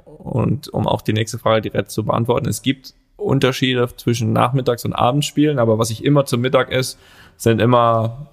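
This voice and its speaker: Gravelly-voiced man chatting on a podcast. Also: medium pitch. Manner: rambling, restarts, teasing banter. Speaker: podcast co-host; professional footballer. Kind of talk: casual podcast chat.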